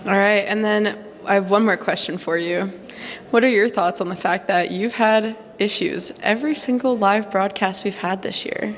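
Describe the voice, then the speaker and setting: A woman's voice: mid-range voice, moderate pace, slight background noise. A young woman interviewing classmates in a casual behind-the-scenes chat, upbeat and teasing. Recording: roomy echo with crowd chatter.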